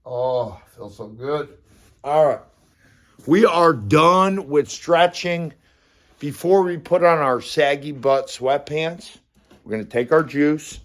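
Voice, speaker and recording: Speaking slowly in a fairly bright, high-leaning voice, a fifties-aged fitness vlogger delivers a casual motivational talk to camera during his morning workout. He is informal and blunt but encouraging, using slangy expressions.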